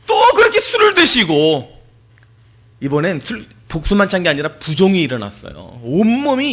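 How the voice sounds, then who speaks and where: A male pastor preaching in church, his voice swinging widely in pitch. He tells a personal story with deep feeling. He drops to near whispers, then rises to shouts. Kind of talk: sermon.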